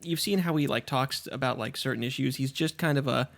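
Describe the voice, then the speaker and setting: Male co-host, average pitch, rambling jokey banter, chewing on mic. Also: fairly quick, gravelly, a bit bright. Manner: rambling, joking, eats while talking. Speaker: podcast co-host. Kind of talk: casual chat. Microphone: studio microphone.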